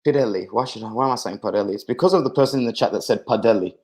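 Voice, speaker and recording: A young Australian man hosting a casual live football watch-along, excitable and slangy as he chats with viewers. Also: lowish voice, very fast. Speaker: live stream host.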